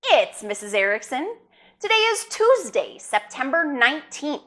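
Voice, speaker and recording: A woman's voice: high voice, very animated, measured pace, sharp tone. A woman host opening her daily show with a cheerful greeting and the date.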